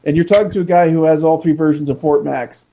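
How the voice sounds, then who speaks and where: A man in casual podcast chat, talking excitably and rambling with many restarts. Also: a little high, fast talker, gravelly, highs cut off. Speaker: podcast co-host.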